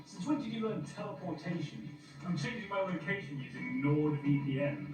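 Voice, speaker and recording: Pompous rival musicians, played by a man throw grand challenges at each other in theatrical, old-fashioned banter. The voice is raised and heard from far off in a very echoey space, with loud music underneath. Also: on the high side, normal speed, lightly acted.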